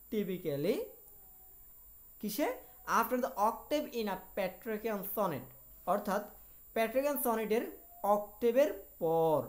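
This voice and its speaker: Woman teaching a literature lesson. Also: medium pitch. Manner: explains each point in Bengali after reading it in English; asks rhetorical questions and answers them herself. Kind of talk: video lecture.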